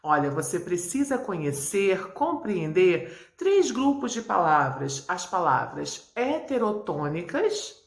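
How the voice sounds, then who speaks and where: A woman from Brazil, a Spanish teacher, explaining terms in a clear, didactic way and repeating key points. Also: mid-range voice, fairly bright tone. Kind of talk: video lesson to camera. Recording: echoey room.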